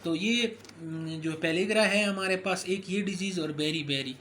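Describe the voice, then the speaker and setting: Man, somewhat high voice, medical lecturer, explanatory delivery with fillers, faint background hiss. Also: sharp tone. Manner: explanatory, with frequent fillers and self-corrections. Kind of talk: recorded lecture.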